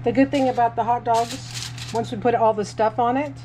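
A home cook vlogger, a woman with a warm, steady voice on the high side, talks through a recipe step by step at a moderate pace as she cooks in her home kitchen. Filming on a handheld phone, she's chatty and narrates each step, with slight background noise in a casual cooking demonstration.

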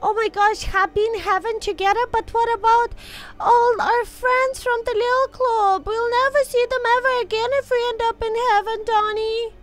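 A tiny, very high baby angel girl in a game roleplay. She is sweet and brave, pleading in breathless babyish exclamations. Music plays behind her. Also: steady tone, normal speed. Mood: earnest, worried. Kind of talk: improvised Minecraft roleplay.

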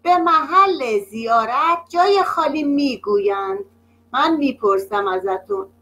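A woman teaching young children over a video call, her voice high and bright. She speaks slowly and patiently, stretching words out and praising each answer. The sound comes through a video call. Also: animated, rough recording. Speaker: primary school teacher. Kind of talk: online class.

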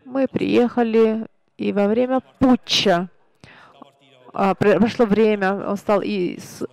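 A man preaching a sermon, telling stories in an earnest, halting way with frequent restarts. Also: sits high, fairly even intonation, gravelly, a little mellow, smooth, no echo. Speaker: pastor. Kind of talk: sermon storytelling.

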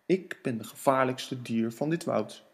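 A man's voice: medium pitch, a little slow, pitched below the performer's own voice, natural voice. A man voicing a small, clever, boastful mouse in a storybook audiobook, with a chirpy, cheeky manner.

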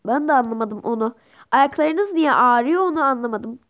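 A woman playing a calm, polite male doctor. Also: high voice, moderate pace, dull audio. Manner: matter-of-fact, polite.

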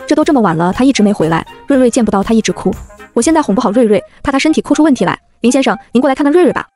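A woman's voice: fairly high pitch, lively intonation, racing, a little mellow, soft background music, close to an everyday voice. A woman reading the lines of a worried hired nanny pleading over the phone in a web-novel audiobook. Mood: anxious. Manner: anxious, pleading.

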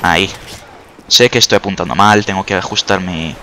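Low-pitched and at a normal speed, this gaming YouTuber from Spain speaks with a Spanish accent against a noisy background where faint in-game gunfire can be heard. Narrating his own gameplay, he's sarcastic and talkative, sometimes yelping at what happens on screen.

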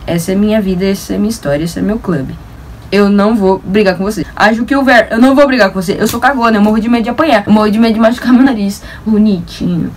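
Fast-talking, animated young woman vlogger. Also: mid-range voice, recorded from a distance, slight background noise. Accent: São Paulo Brazilian. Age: young adult. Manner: animated, slangy, self-mocking storyteller. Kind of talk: casual storytelling to camera.

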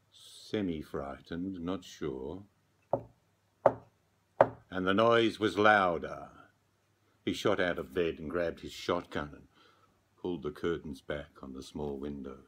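A middle-aged man narrating a bedtime story gravely and dramatically, with long pauses. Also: very deep voice. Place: small dark room, candlelit, indoors.

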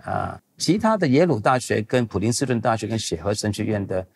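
A man's voice: fairly low pitch, very animated, brisk, vocal fry, darkish tone, husky. An older man, a pastor and seminary teacher, answering audience questions in a loose, digressive, emphatic way.

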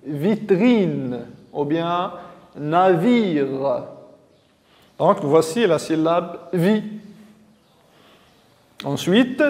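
A man teaching a reading lesson to young pupils, drilling syllables slowly and repeating each one. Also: high voice, darkish tone, long reverb tail. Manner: slow, syllable-by-syllable drilling with repetitions. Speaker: primary school teacher.

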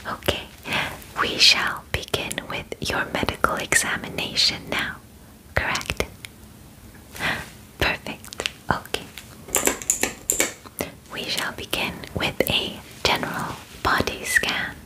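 A soft, breathy ASMR whisper belongs to a woman in her twenties acting as a courteous, formal alien medical examiner with a matter-of-fact air. Her speech is halting yet measured and gentle, with short pauses between formal phrases. She is in a small bedroom, and the recording is rough.

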